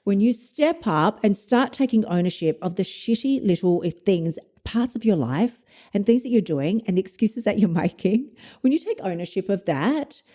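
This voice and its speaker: A mellow, mid-range voice belongs to a woman in her fifties who hosts a solo podcast and works as a motivation coach. Blunt and liberal with swear words, she chuckles at herself as she guides listeners.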